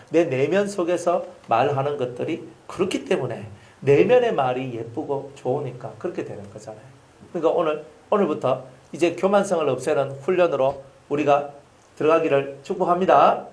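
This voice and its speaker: A man preaching a sermon as pastor, lively and acting out the voices he quotes. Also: fairly high pitch.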